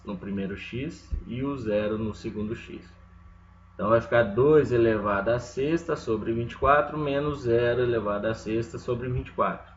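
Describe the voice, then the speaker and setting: A man teaching a recorded video lecture, explaining step by step and often checking in with his students. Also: mid-range voice. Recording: echoey, dull, slightly noisy room.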